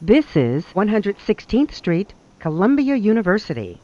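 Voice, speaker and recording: A recorded subway announcer heard over a train loudspeaker, speaking in measured, evenly spaced phrases. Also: mid-range voice, very animated, lo-fi sound. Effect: played over a train loudspeaker.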